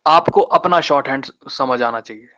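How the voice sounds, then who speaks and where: A man teaching shorthand in a live online lesson, explaining step by step with patient pauses and slowing down to spell out terms. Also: mid-range voice, sharp tone. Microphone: online class microphone. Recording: dull lo-fi online class audio.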